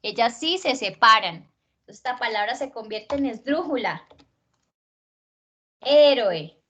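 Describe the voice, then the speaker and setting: A woman teaching a writing class, drilling word stress slowly and patiently, stretching out each word she asks about. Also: a little high, expressive, sharp tone, breathy edge. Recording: dull lo-fi class recording.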